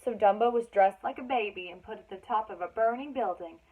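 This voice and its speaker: A woman reads a children's story a little fast in a medium-pitched, husky voice with a darkish tone. She adds dramatic emphasis and chatty asides for young listeners, and the recording sounds thin and band-limited, like a phone.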